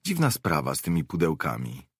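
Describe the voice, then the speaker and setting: A man voicing an agitated, urgent male character in an audiobook, raising his voice and shouting at times. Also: very deep voice, wildly swooping pitch, brisk, husky, dry recording, studio quality, heavily acted. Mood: relieved. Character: agitated man, frantic then relieved.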